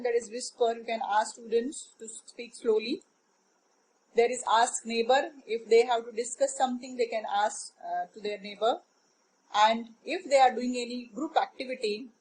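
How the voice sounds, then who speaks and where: A middle-aged woman gives a screen-share tutorial for teachers. Her voice sits a little high and carries a husky, breathy edge. She explains each feature patiently, pausing often on "uh" as she clicks through. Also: a little mellow, poor audio. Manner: patient, explanatory, frequent "uh" pauses. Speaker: teacher trainer.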